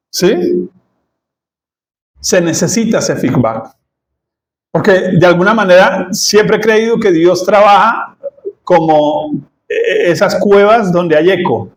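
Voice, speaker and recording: A man delivers a sermon as a pastor, talking to his congregation in a casual, joking way. His voice sits high and he takes his time, often stopping to ask if they follow. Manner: conversational, asks the congregation "¿sí?" often; acts out quoted voices and laughs at his own jokes.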